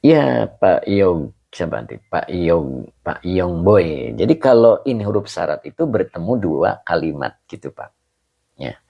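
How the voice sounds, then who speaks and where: Male religious teacher, slow and patient, low husky voice, lively intonation, online grammar class. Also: dull audio. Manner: patient explaining, answering students by name, chuckles. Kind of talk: online Arabic grammar lesson.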